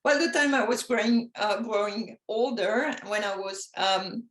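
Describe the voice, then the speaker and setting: A woman from France with a French accent, speaking English as a guest in a casual interview, talking slowly with many pauses and soft laughs. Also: mid-range voice. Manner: slow, halting, many ums, soft laughs. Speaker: guest artist. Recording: echoey room.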